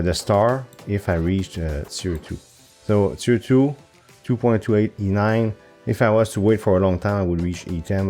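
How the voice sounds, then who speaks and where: Deep mellow man musing over a game. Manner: thinking aloud, hesitant with fillers, self-correcting. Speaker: gaming channel host. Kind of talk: casual gameplay commentary. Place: home recording setup.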